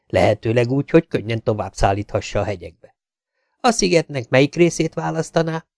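A man's voice: mid-range voice, creaky, a little mellow, dry recording, pitched above the performer's own voice, lightly acted. A man reading an audiobook, voicing an inquisitive male journalist who asks blunt questions and makes dry remarks. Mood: probing.

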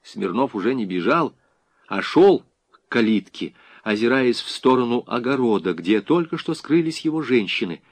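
A man narrating an audiobook in an expressive, dramatic reading. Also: mid-range voice, moderate pace, no room sound.

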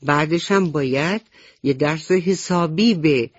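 A woman voicing a wise little mouse who calmly reasons and makes peace in a children's radio story. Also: deep voice, close to an everyday voice. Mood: reasoning. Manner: calm, reasoning, explaining. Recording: dull dry old radio recording.

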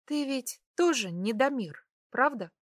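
A woman's voice: high-pitched, animated, measured pace, no echo, voice pushed up. The narrator plays a proud young woman on the run in an audiobook romance. She speaks coolly and turns biting and mocking. The recording is dry and close. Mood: guarded. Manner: cool, then sharply mocking. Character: young woman in hiding, proud and sharp-tongued.

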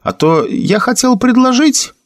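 A timid but keen young foot soldier, voiced by a male narrator in a high, youthful voice well above his own. It is close-miked and dry, with bright pitch swings. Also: animated, measured pace, no echo. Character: young low-born soldier, guilty and keen.

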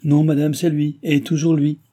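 A man's voice: a little high, little pitch movement, normal speed, warm tone, pitched above the performer's own voice, lightly acted. Figure: a man voicing an insistent old baron. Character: anxious elderly baron, earnest, insistent.

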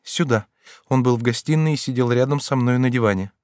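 A man's voice: mid-range voice, brisk, a little mellow, no echo, studio quality, lightly acted. A man voicing a distraught young countess in an audiobook, with a raised, strained pleading voice. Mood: entranced. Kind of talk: audiobook character reading.

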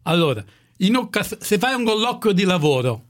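A man's voice: high voice, big pitch swings, normal speed. An actor playing a comic, boorish know-it-all who gives absurd etiquette lessons in a radio sketch, insistent and stumbling over his words. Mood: pompous, insistent. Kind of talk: improvised radio comedy sketch.

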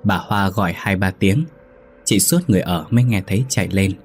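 A man narrating a ghost story in a steady, brisk storytelling manner. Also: sits low, soft background music. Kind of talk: scripted horror story narration.

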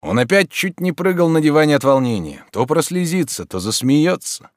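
A man reading a classic novel aloud as narrator, expressive and measured. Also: on the high side, no room sound, clean studio sound. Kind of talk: audiobook reading.

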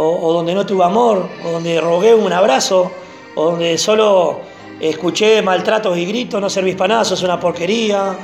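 A man preaching a sermon, animated and repeating phrases for emphasis. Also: high-pitched.

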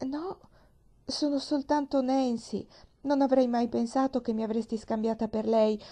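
A woman's voice: fairly high pitch, little pitch movement, normal speed, mellow, voice pushed up, natural voice. A woman doing a flustered, stammering young maid. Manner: stammering, hesitant.

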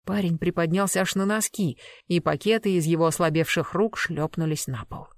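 Brief: even audiobook narration, mid-pitched, dry close mic. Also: normal speed, no room sound.

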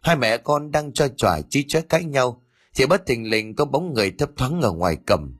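Husky-voiced man narrating a ghost story. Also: mid-range voice, expressive. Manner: dramatic, measured storytelling.

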